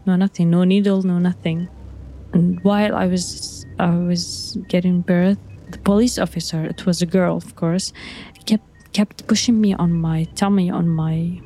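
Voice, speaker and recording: A young woman whose first language is Arabic, recounting her own experience in halting speech, repeating words with soft nervous laughs. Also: fairly low pitch. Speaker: interviewee. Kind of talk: recounting personal testimony.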